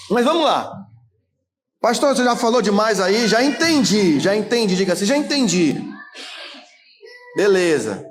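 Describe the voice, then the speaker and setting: Pastor guy almost 40, kinda high voice, chatty sermon, keeps saying né, shouts sometimes. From Brazil. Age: 30s. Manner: conversational preaching, many tag questions, bursts of shouting.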